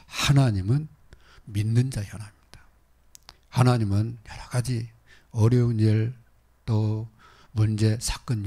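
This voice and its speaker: A male pastor delivers a sermon in a husky, slightly breathy voice. He swings from loud exhortation to hushed, almost whispered asides. His tone stays earnest and direct with the congregation. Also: fairly low pitch.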